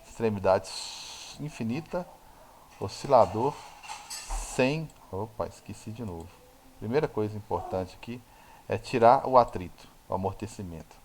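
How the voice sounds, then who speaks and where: A man's voice: fairly low pitch, animated, moderate pace, darkish tone, a little hiss or hum. A man with a Brazilian Portuguese accent teaching a recorded physics lab lesson in a chatty way, correcting himself and checking in with listeners as he explains. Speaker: physics lecturer.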